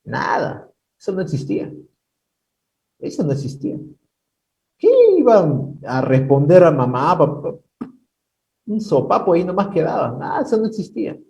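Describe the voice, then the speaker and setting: Male preacher, 30s, warm dark voice, heard from a distance, plays out the dialogue himself. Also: animated, normal speed, creaky, pauses often. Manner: acts out dialogue with God in high mocking voices. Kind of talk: sermon at a prayer night.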